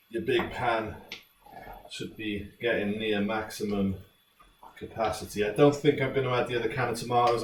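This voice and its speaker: Low-voiced British man, roomy sound. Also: a little mellow. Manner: laid-back, jokey, chatty. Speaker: home cook presenting a recipe. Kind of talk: casual cooking tutorial chat. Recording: roomy, distant mic, faint noise.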